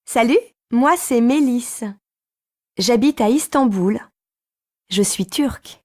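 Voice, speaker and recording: A woman's voice: a little high, takes it slowly, darkish tone. A woman reading scripted textbook lines and spelling a name carefully, letter by letter. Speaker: actor in a textbook dialogue.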